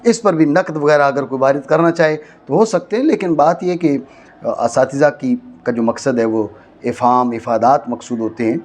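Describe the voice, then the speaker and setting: A man from Pakistan teaching a classroom lecture, often stopping to check that students follow and slowly repeating key phrases for stress. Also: medium pitch, darkish tone. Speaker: teacher of Arabic grammar. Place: madrasa classroom.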